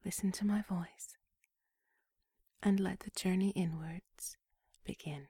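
A woman whispering a slow, soothing guided relaxation script in a breathy, hushed voice. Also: medium pitch, fairly even intonation, no echo, studio quality.

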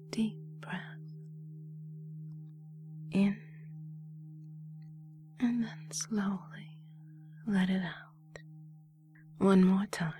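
A woman whispering slow, soothing guided relaxation instructions as a hypnotist. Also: mid-range voice, a little mellow.

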